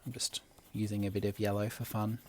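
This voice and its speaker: A young man, a primary school teacher, gently talking children through a drawing step by step. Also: on the low side, little pitch movement, a little hiss or hum. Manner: gentle, unhurried, talks while drawing. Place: classroom at school.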